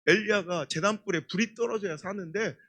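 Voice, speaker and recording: A middle-aged man preaching a revival sermon, telling stories in an emphatic, animated way. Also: high voice, fairly quick. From Chungcheong, Korea. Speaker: guest pastor.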